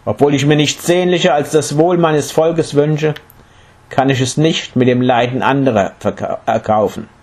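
A man's voice: mid-range voice, a little mellow, voice pushed up, natural voice. A man voicing a noble, selfless male king of the deer in a read-aloud fable, earnest and pleading. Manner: earnest, pleading, slow and solemn. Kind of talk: storybook reading.

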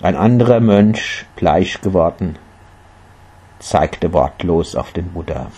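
A man narrating a story in a measured, quiet storytelling manner. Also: deep voice, lively intonation, slightly rough.

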